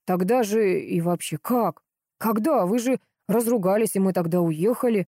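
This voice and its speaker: A woman reading aloud plays a strict older brother, a young man who questions his sister with stern insistence. The tone is mellow and warm, recorded dry and close for an audiobook. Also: medium pitch, normal speed, no echo, natural voice. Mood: bewildered.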